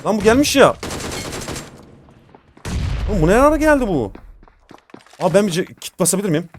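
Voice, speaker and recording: A man's voice: high voice, sing-song, racing, slight background noise. A young man giving live gameplay commentary as a gaming host, informal and slangy, talking to his viewers as friends.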